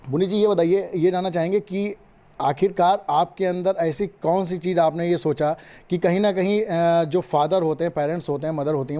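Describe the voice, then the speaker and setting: A man's voice: on the high side, dark tone. A man interviewing guests in a long-winded way, repeating filler phrases as he frames his questions.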